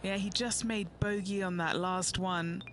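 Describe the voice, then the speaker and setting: A man's voice: high voice, steady tone, measured pace, fairly bright tone. A man giving informal golf commentary as an on-course reporter. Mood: casual. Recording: noisy outdoor ambience behind.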